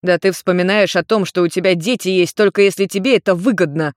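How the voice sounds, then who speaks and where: A woman voicing a blunt, exasperated young man with a low, steady tone. His lines come short and curt. The storybook sound is dry and close. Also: a little fast, no room sound, natural voice. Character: irritated young grey-haired man, blunt son.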